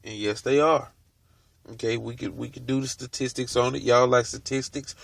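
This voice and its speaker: A man hosting a video, reading from a book aloud and stopping to comment on it in a deliberate way. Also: medium pitch, steady tone, gravelly, fairly bright tone. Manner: deliberate, stops to comment on what he reads. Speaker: video host.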